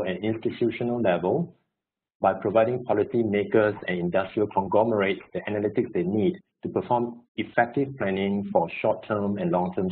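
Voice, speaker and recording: A man's voice: fairly low pitch, breathy edge. A man moderating an online event, formally reading out a speaker introduction. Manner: reads from a script, formal. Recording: tinny call audio.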